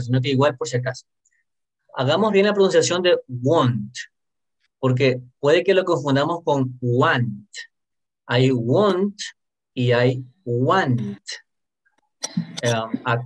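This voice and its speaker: A male English teacher running a classroom lesson, animated and joking between drills. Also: mid-range voice, breathy edge.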